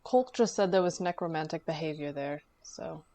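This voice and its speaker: A woman's voice: low-pitched, normal speed, warm tone, low-quality recording. Hesitant young woman in a tabletop game. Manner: hesitant, with many fillers while recapping. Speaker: player. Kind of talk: playing a character in a tabletop game.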